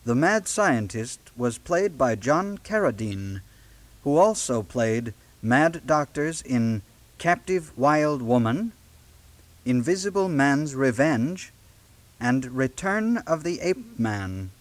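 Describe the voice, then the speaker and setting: On a late-1970s audio cassette, a man narrates a children's read-along book in a measured, deliberate storytelling style full of dramatic emphasis. His medium-pitched voice swings widely in pitch, and the recording is dry.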